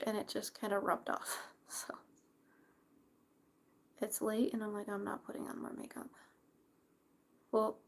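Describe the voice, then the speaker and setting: A young woman chatting casually in a hushed, breathy library whisper while live crafting. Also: fairly high pitch. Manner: hushed library whisper, keeping quiet for sleepers. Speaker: craft livestreamer. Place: at home late at night, crafting. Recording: faint background noise.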